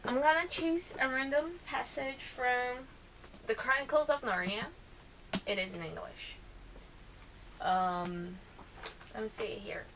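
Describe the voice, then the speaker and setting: A woman's voice: on the high side, takes it slowly, pauses often, fairly bright tone, slight background noise, rough recording. A woman with a Brazilian accent, a native Portuguese speaker, chatting casually through questions she reads out and answers, with hesitant self-corrections and rambling asides.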